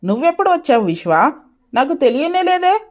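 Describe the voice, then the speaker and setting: Woman doing a scheming cartoon mother-in-law, greedy, high voice. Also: very animated, a little fast. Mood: sweet. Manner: sweet to her son, scheming in thought.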